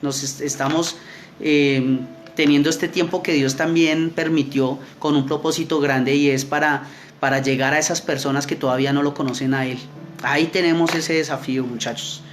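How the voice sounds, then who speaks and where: A man preaching a youth sermon, reading scripture slowly, correcting himself often and checking in with his listeners. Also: on the high side, fairly even intonation, slight background noise. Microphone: streamed to online viewers.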